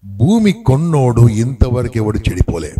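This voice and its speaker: A man's voice: medium pitch, measured pace. A middle-aged man giving a motivational speech to a live audience, telling stories and prodding listeners with questions. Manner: animated storyteller, prods the audience with questions. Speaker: motivational speaker.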